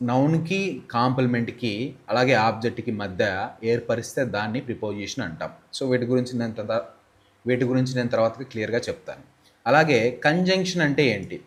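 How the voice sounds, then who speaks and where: A man with a Telugu accent gives an English grammar lesson in a mid-range voice. He poses questions to himself and answers them. He reads example sentences slowly and deliberately. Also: mid-range voice. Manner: explains step by step, often asks and answers his own questions. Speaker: English teacher.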